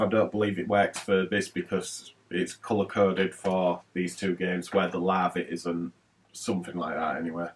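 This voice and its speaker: A man's voice: sits low, fairly bright tone, far from the mic. A man hosting a retro gaming haul vlog, chatting casually and rambling with lots of fillers.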